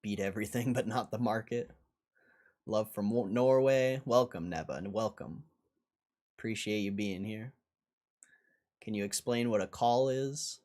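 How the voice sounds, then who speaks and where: Reading viewer comments aloud, this man hosts a casual livestream full of slang and recurring phrases. His voice is fairly low with a darkish tone, and he speaks unhurriedly with long pauses.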